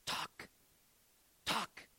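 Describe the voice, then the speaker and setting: Man voicing an old Slovak man, ninety, broken English, gruff, urging, repetitive, quiet. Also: drawn-out words, heavily acted. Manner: broken English, repeats single words.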